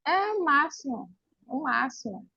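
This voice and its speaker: A woman's voice: sits high, a little slow, creaky, no room sound. A woman with a Brazilian accent telling a personal church testimony to her pastor, acting out the dialogue as she goes. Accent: Brazilian Portuguese. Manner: lively storyteller acting out dialogue. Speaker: church member giving testimony. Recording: dull lo-fi dry recording.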